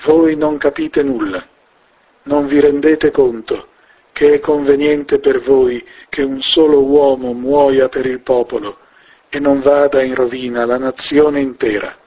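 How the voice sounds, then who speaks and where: A man reading a stern scheming high priest, curt, slow, husky, dull radio tone. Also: steady tone, mellow. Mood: scornful.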